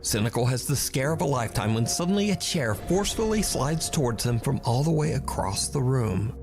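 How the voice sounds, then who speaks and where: A man giving a measured, dramatic scripted narration of eerie events. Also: medium pitch, very animated, vocal fry. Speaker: show narrator. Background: background music.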